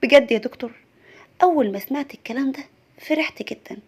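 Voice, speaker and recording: A woman's voice: high-pitched, fast, slightly rough. Earnest young Egyptian husband telling a family story, narrated by a woman. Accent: Egyptian Arabic.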